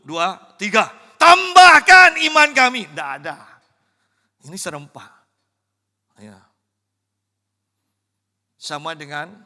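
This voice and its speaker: A man preaching a sermon as pastor, dropping to hushed, slow stresses and rising to loud, high exclamations. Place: church sanctuary. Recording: reverberant church hall.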